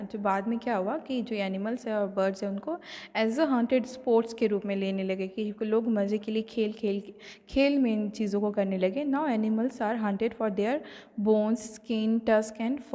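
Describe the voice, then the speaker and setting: An online class teacher, a woman with an Indian accent, records a lesson explaining a textbook in a room with long, lingering reverb. She reads English lines slowly and deliberately, then shifts into easy Hindi explanation full of fillers. Her voice is mellow and mid-range in pitch.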